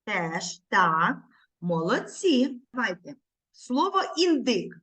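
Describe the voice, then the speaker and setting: Patient, slow-speaking woman teaching children. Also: fairly high pitch, big pitch swings, bright, forceful tone. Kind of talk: online lesson for young children. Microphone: video call.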